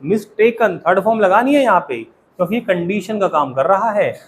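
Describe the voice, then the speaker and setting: High-voiced Indian man teaching a class. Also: a little hiss or hum. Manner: lively, modeling English phrases slowly and asking the class questions. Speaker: English teacher. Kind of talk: classroom lesson.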